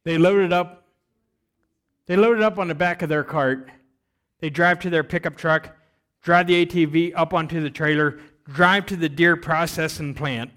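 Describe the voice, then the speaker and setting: Energetic male guest preacher, slightly high voice, storytelling sermon. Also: moderate pace. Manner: energetic, rising to loud emphasis, then dropping quiet.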